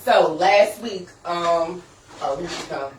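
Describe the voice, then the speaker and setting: A woman's voice: fairly low pitch, slow pace. A woman hosting a podcast in a casual, laughing, chatty way, full of fillers. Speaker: podcast host. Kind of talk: casual chat. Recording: echoey room, distant mic, background noise.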